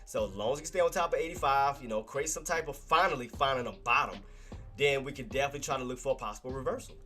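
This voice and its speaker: Speaking fast in a bright, forceful mid-range voice, a congested trading livestream host comments live on stock charts. He goes over chart levels casually and repetitively, addressing his chat as "boss," while soft music plays in the background.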